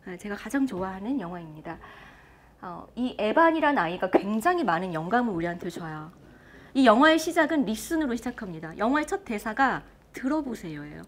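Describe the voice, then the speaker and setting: A woman lecturer and author giving a motivational talk on a stage before a live audience, lively and often asking the crowd questions. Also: medium pitch, fairly quick, a little hiss or hum.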